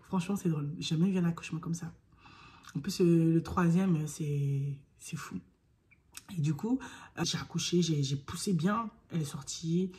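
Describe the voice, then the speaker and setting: A young woman vlogger talking casually to camera, telling a personal story. She acts out her own pleas and sometimes drops to a hushed near-whisper. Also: low-pitched, normal speed.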